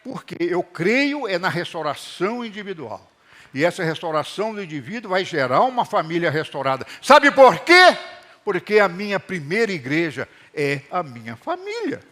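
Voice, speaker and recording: A middle-aged man preaching a sermon to his congregation in a church hall, animated and calling for responses. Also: sits high, moderate pace. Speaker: pastor.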